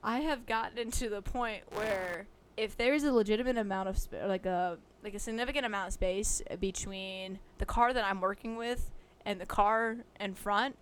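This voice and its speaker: A young woman who works a fast-food drive-thru, chatting casually about customers, laughing often and filling pauses with um and like. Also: mid-range voice, slight background noise. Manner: giggly, chatty, full of fillers. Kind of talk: casual storytelling.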